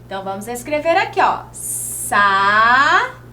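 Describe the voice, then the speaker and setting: Animated high-voiced Brazilian teacher. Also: female voice. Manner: slow, sing-song teacher talk, stretching words as she writes. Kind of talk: children's video lesson.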